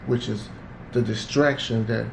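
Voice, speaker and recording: In a casual podcast chat, a man talks in a laid-back manner, often dropping "you know what I'm saying." His voice is mid-range, steady, unhurried, and gravelly, recorded in an echoey room with loud background noise.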